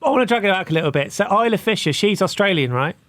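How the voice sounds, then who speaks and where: A man's voice: high-pitched, animated, fast, a bit bright, no room sound. A man co-hosting a podcast in casual chat, teasing and wry. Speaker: podcast co-host.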